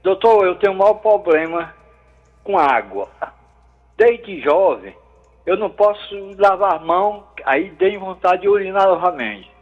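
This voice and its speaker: A man calling in over the phone, his voice high and the line dull and muffled. He tells his story haltingly, wandering as he goes. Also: animated. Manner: hesitant, rambling storyteller. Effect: heard over the phone. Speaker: radio caller. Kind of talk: caller telling a story on a radio show.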